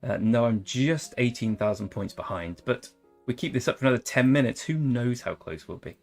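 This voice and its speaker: Over faint background music, a young streamer rambles and jokes his way through a strategy game, slipping into goofy accents. His medium-pitched voice has lively intonation and a moderate pace.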